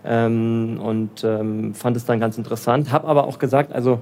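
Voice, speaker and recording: Hesitant German banker guest. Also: male voice, mid-range voice, level tone, moderate pace, a little mellow. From Germany, Bavaria. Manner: hesitant, many ums and restarts. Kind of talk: casual interview.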